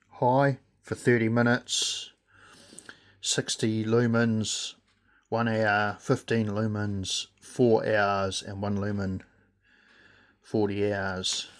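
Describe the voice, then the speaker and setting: A man with a New Zealand accent giving a casual, unscripted product review in a halting, hesitant way with pauses. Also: on the low side. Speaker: gadget reviewer.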